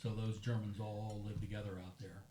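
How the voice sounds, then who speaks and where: An older man with a lowish voice leisurely tells stories at a dinner table. The room is echoey, with a faint hum behind him. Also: a little fast. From United States. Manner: storytelling, relaxed and chatty. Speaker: host. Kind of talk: casual dinner conversation.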